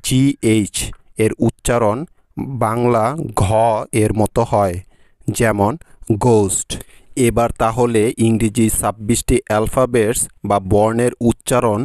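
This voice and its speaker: A man's voice: fairly low pitch, little pitch movement, measured pace, a little mellow, no room sound, clean studio sound. A man narrating a scripted language lesson, spelling out letters and their sounds one at a time. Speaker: English teacher.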